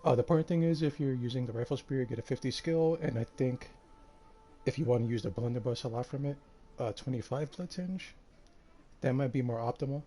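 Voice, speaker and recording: A man streaming a game live, tired and a bit out of breath, talking in a relaxed, rambling way with lots of fillers. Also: mid-range voice, fairly quick, slight background noise. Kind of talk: casual live-stream commentary.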